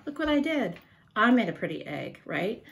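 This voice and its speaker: A woman reading a picture book aloud to a child in an animated, sing-song way, stopping to ask questions. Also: mid-range voice, normal speed, creaky, slight background noise. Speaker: storyteller for children.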